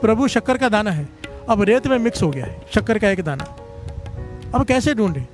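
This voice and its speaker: A man preaching a devotional storytelling sermon to a congregation, exhorting them to call and respond and rising in pitch as he urges them on. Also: normal speed, faint music behind. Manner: animated, rises in pitch on exhortations. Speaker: Sikh katha preacher. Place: religious gathering before a congregation.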